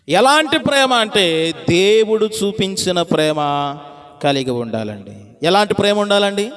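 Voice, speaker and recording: A man preaching a sermon as pastor. He repeats phrases in a steady rhythm and calls on the congregation to answer him aloud. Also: high-pitched.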